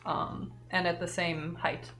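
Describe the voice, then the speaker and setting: A woman's voice: lowish voice, flat delivery, slow, a bit bright, roomy sound, faint music behind. A woman running a tabletop game as game master, narrating the action with many fillers and self-corrections.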